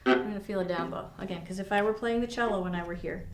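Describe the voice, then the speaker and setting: Woman viola teacher, mid-pitched, encouraging and descriptive, roomy studio sound. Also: quick pace. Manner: encouraging, explains with imagery. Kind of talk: instructional lesson with demonstration. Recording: echoey room.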